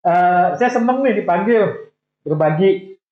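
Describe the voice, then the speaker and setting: An Indonesian man in his sixties, appearing as a guest in a casual interview, tells his life story in an unhurried, loose way with light self-deprecating jokes. His voice is a little high for a man and sounds thin and tinny, like a phone, in an echoey room.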